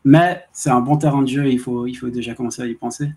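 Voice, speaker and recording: A man from Switzerland, a researcher being interviewed, who answers in a thoughtful, measured way with some hesitations. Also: medium pitch, steady tone, a little mellow. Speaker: researcher guest.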